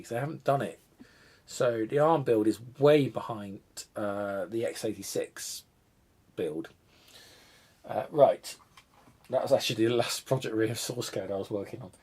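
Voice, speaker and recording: Still a bit congested and coughing from a cold, a retro computer channel host chats casually on a live stream, rambling and thinking out loud as he tinkers and poking fun at his own disorganisation. His voice is on the low side with a breathy edge, and it sometimes drifts back from the mic.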